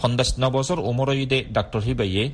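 A man's voice: medium pitch, fairly even intonation, fast talker. A man presenting a radio programme, reading a scripted story aloud as a presenter. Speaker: radio presenter and translator for a language lesson.

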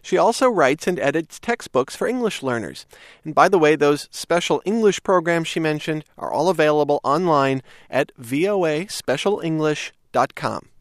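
Man hosting a radio show, fairly high. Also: expressive, dry recording, clean studio sound. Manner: measured, clear announcing. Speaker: radio host. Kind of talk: scripted radio narration.

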